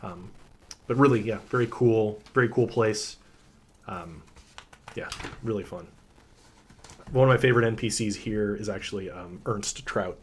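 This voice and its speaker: Game designer guy on a live q&a, kinda low voice, lots of ums, gets excited about his characters. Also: normal speed, pauses often, a little hiss or hum. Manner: relaxed, rambling, frequent ums. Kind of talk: casual livestream Q&A.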